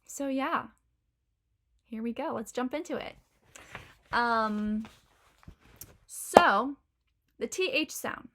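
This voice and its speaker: A woman's voice: a little high, takes it slowly, pauses often, a bit bright. A young woman hosting a casual video tutorial, explaining pronunciation step by step with examples and frequent ums. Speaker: host teaching accents.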